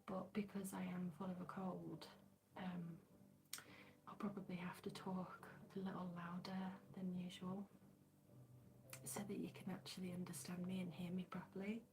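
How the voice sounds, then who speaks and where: A woman with a cold and a stuffy voice, chatting gently and apologetically in a soft-spoken ASMR craft livestream from her living room on a smartphone. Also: on the low side, level tone, moderate pace, creaky, poor audio. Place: living room, at a folded dining table.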